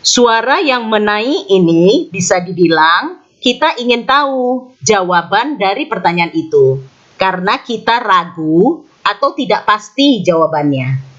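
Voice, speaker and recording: A woman narrates a scripted grammar lesson, taking her time and letting her pitch swing widely from line to line. She explains each point carefully and repeats her example sentences. The recording has a slightly muffled, lo-fi sound. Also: sing-song, a little slow, a bit bright. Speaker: English teacher.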